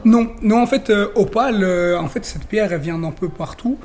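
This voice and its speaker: A man's voice: sits high, moderate pace, a little mellow, slight background noise. A young man from Belgium, a rapper guest in a radio interview, talking chattily with many fillers and restarts.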